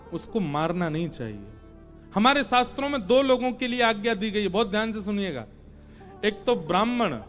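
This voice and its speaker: High-voiced guy doing a devotional story sermon, dramatic, chants verses, faint music. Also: a bit bright.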